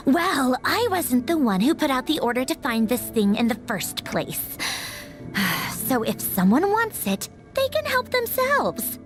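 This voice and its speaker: A woman's voice: high voice, big pitch swings, takes it slowly, exaggerated voice. A woman voicing a bitter, disdainful young villainess in a video game, sneering and menacing. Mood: sullen. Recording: music under the voice.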